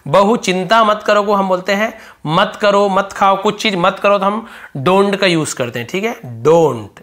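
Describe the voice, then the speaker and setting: A man teaching English grammar in Hindi, explaining step by step, asking and answering his own questions and slowing right down to dictate English phrases. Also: high voice, fairly bright tone. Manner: drawn-out slow dictation when writing English phrases.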